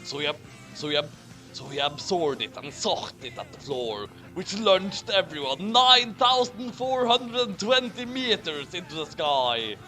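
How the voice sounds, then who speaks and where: A man hosts a comic read-along of a fan story with friends, delivering it in a theatrical, exaggerated way. His voice is high-pitched, very animated, pushed and bright, at a measured pace, with music playing behind him.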